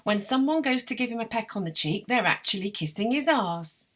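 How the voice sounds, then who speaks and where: A woman's voice: a little high, animated, brisk, pitched above the performer's own voice. A woman voicing a blunt, sardonic older woman client who gossips with dry scorn. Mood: scornful.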